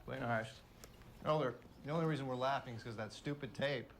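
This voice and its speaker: A man's voice: mid-range voice, a little fast, vocal fry, a little hiss or hum, lightly acted. A young man playing an easygoing, peacemaking missionary who speaks matter-of-factly. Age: young adult.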